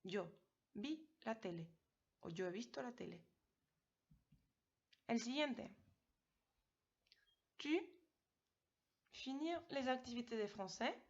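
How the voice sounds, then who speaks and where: A woman's voice: a little high, expressive, takes it slowly, long pauses. Patient woman teaching a grammar lesson. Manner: clear, patient, addresses students directly. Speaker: French teacher. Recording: slightly dull lo-fi audio.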